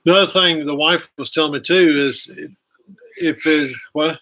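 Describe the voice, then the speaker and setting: This is a man hosting a casual live stream outdoors, with a fairly high voice and a bright, forceful tone. He rambles in a friendly way, trails off, and backs up to correct himself as he goes. He speaks to a camera that he sets up himself. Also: steady tone, moderate pace. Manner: rambling, self-correcting, chatty. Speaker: host of a live outdoors channel. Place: outdoors, chilly. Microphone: camera he angles himself.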